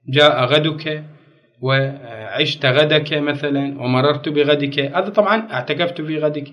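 A man giving a grammar lesson, asking the class questions and answering them himself. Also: fairly high pitch. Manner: slows down and spells out word patterns. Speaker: grammar teacher. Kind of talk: classroom lecture on Arabic morphology. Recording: dull lo-fi recording.

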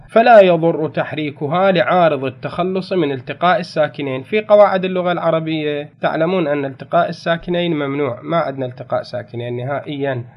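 Man, Iraqi Arabic accent, grammar teacher, slightly high voice, reads then explains, lo-fi recording. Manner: reads a set text aloud, then explains it in conversational dialect. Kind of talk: recorded classroom lesson. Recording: dull lo-fi recording.

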